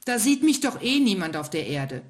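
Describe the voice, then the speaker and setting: A woman's voice: medium pitch, very animated, normal speed, voice pushed up, close to an everyday voice. A woman voicing a small, sad and sulky young star in a bedtime story.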